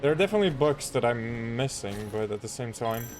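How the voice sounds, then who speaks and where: A man's voice: mid-range voice, animated, fairly quick. A man hosting a gameplay video with casual commentary, musing to himself as he plays. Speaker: gaming video host. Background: loud game music.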